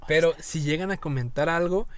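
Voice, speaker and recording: Young Mexican male podcast co-host, slightly high voice, loose and profane banter. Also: a little fast, crowd noise. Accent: Mexican Spanish. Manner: loose, joking, swears freely. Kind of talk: casual chat.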